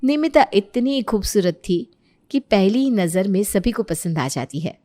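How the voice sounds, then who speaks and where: A woman's voice: medium pitch, lively intonation, measured pace, warm tone. A woman narrating a family story in a storybook style.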